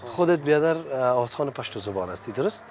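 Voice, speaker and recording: A man's voice: medium pitch, lively intonation, a little mellow. A man hosting a hidden-camera prank, talking in a pushy, menacing way on a city street. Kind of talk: prank confrontation in casual street talk.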